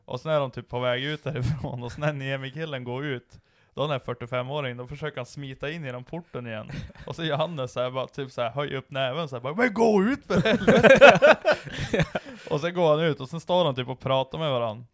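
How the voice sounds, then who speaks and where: A man retelling a scene in casual chat, quoting shouts and laughing. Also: medium pitch, fairly even intonation, hardly any pauses.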